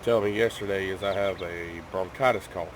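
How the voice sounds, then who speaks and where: With a low voice, a steady tone and a moderate pace, a coughing gaming YouTuber chats informally with his home audience. He meanders, restarting often and filling gaps with ums, while the background stays noisy.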